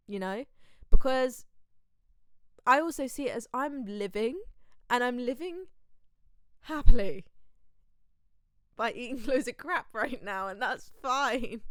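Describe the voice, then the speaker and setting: Young woman, podcast host, casual candid monologue, rhetorical asides, smooth clear voice, dry recording. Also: medium pitch, no room sound.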